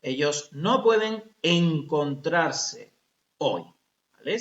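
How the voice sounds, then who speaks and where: A man gives a recorded grammar lesson to adult English learners, his high voice rising and falling as he explains. Lively and methodical, he keeps checking comprehension with things like "¿vale?" and slows down to model example sentences, in a roomy, slightly muffled recording.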